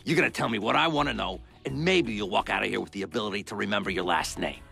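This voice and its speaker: Gravelly tough-guy agent. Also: lowish voice, quick pace, sharp tone, soft background music, heavily acted. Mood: menacing. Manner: tough-talking, sarcastic. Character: gruff tough-guy male agent, wisecracking. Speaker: interrogating agent. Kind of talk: video game cutscene voice acting.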